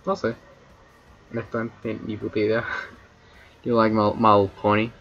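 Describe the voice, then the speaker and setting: A man's voice: lowish voice, monotone, moderate pace, lo-fi sound, slight background noise. A man from Chile with a Chilean Spanish accent, rambling and cracking crude jokes with chat on a casual debut livestream. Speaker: streamer.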